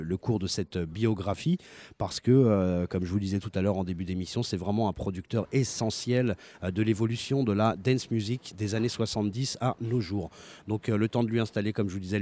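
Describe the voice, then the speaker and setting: Hosting a live music radio show, a man talks casually, hesitating and restarting often. He speaks briskly in a fairly low, dark-toned voice.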